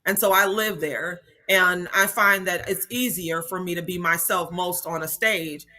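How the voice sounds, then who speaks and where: Woman, interview guest, public speaking coach, upbeat, polished, bright tone. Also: lowish voice, unhurried. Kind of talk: interview answers.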